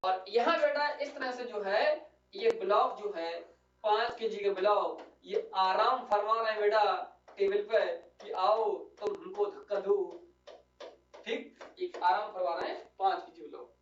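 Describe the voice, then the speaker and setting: A man's voice: sits high, normal speed, a bit bright. A male physics teacher giving a classroom lecture, coaxing his students and often checking that they follow. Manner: coaxing, calls students "beta" and keeps asking "clear?". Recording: echoey room, distant lo-fi mic.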